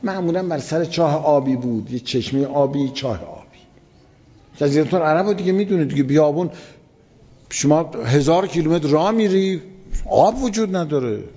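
A fairly high-voiced man preaches in a relaxed, chatty way, repeating words to drive each point home. His voice rings with a long hall reverb. The recording sounds dull and lo-fi. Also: husky. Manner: vivid retelling with emphatic repetition. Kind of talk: colloquial religious storytelling lecture.

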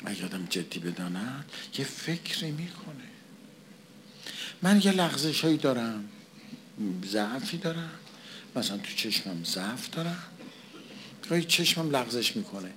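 A man's voice: medium pitch, very animated, long pauses, a bit bright, slight background noise. Man giving a conversational sermon. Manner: poses and answers his own rhetorical questions; repeats phrases for emphasis. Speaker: preacher.

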